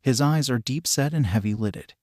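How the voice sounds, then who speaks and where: A man narrating a fan fiction story in a steady, even reading, with a middle pitch. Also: normal speed, no echo, clean studio sound. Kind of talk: scripted narration.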